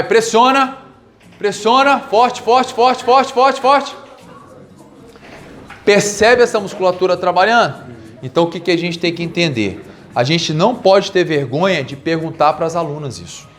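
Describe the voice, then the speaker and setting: A man in his forties giving a live classroom lecture, from Brazil, coaching students through exercises with lively repeated commands. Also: a little high. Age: 40s. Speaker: physical education lecturer. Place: classroom with audience.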